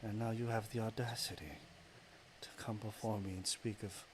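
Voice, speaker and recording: A menacing goddess of darkness and death, as a man puts her on, taunting in a low, slow voice that sinks into a whisper. Steady background noise sits clearly under the voice. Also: lightly acted. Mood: whispering menace.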